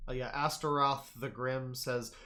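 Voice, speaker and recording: A man gives reaction commentary with a bright, forceful edge. He swears freely, shouts at times and then drops into muttered asides, stumbling and restarting as he goes. His voice sits at an ordinary middle pitch. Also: steady tone, measured pace, a little hiss or hum. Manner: swears often, swings from loud outbursts to mumbling asides; stammers and restarts while riffing. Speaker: streamer.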